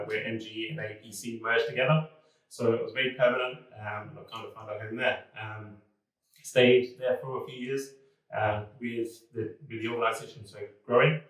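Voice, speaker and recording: A man, a business development manager, speaking in a relaxed, conversational way in a corporate talking-head video. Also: lowish voice. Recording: very echoey room, mic far off.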